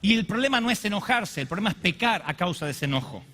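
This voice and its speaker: A man's voice: high-pitched, lively intonation, fast, fairly bright tone. A man preaching a sermon to a congregation, impassioned and confessional, who often acts out quotes. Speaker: pastor. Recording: long reverb of a large hall.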